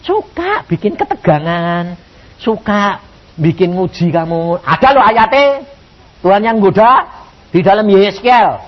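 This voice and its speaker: A man preaching a sermon, telling stories lively and acting out his talks with God. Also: high-pitched, unhurried. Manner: lively storytelling, acting out dialogues with God, mixing in Javanese. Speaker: pastor. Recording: dull lo-fi sermon recording.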